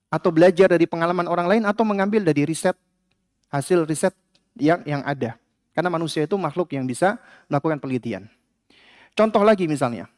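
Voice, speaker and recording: Give me a man with a somewhat high voice giving a relaxed, conversational religious lecture. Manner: conversational, frequent filler "ya" and "apa". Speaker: Islamic religious teacher. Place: study gathering.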